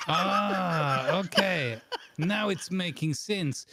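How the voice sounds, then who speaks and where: A man playing a deadpan, bossy boss who interviews absurd job candidates in a mock-formal, deliberate way on an improvised comedy stream. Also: high-pitched, dry recording, exaggerated voice. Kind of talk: improvised comedy role-play.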